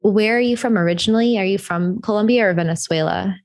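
A woman's voice: medium pitch, fast, darkish tone. An American woman hosting an interview, asking friendly, chatty follow-up questions. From United States. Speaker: host. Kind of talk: casual interview.

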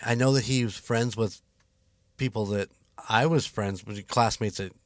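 A man's voice: lowish voice, steady tone, moderate pace, dry recording. A man chatting casually as a podcast co-host in a studio. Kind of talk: casual chat.

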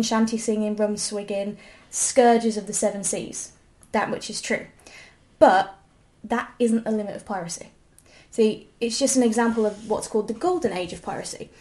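A woman's voice: fairly high pitch, darkish tone. A woman co-hosting a casual history podcast, explaining at length and correcting her co-host.

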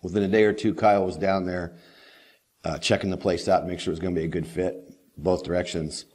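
Middle-aged male host, low-set voice, folksy and rambling, casual to-camera chat. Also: fairly even intonation, fast talker, a little mellow. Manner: folksy and rambling, with frequent "you know". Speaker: host of a daily helicopter training video series. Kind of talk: casual talking-head monologue.

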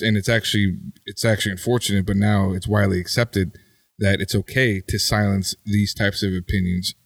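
A man talking as a podcast co-host in a casual discussion. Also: lowish voice.

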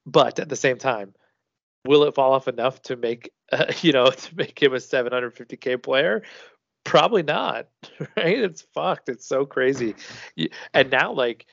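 A man's voice: mid-range voice, moderate pace, gravelly, fairly bright tone, no echo. A man co-hosting a casual sports podcast, talking loosely with swearing and restarts. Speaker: podcast co-host. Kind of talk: casual hockey podcast chat. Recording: dull lo-fi dry sound.

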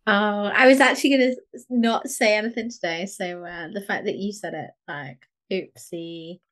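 A woman with a mid-pitched voice chats casually as a co-host. She is wry and understated in the way she responds. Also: steady tone, brisk, fairly bright tone. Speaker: podcast co-host. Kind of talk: casual chat.

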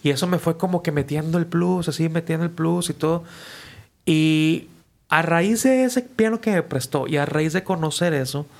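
A man, a musician guest casually telling stories in an animated, slangy way and acting out the people he quotes. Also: on the high side, normal speed, creaky. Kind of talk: casual storytelling.

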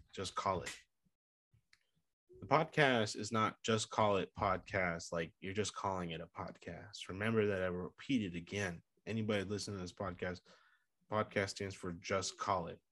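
A man's voice: deep voice, dry recording, studio quality. A man hosting his own podcast alone, rambling playfully, plugging the show and giving motivational life advice. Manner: rambling, playful and self-promoting. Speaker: podcast host. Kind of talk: casual solo podcast monologue.

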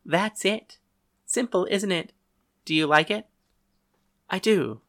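Man voicing a gentle teenage girl. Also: high-pitched, slow pace, pitched above the performer's own voice, full character voice. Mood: playful. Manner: soft, soothing and patient. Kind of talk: audiobook reading.

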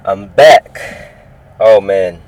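Against a noisy background, this low-voiced man draws out his words. He's an upbeat, rambling podcast host in his early twenties from California, talking sports solo and repeating himself.

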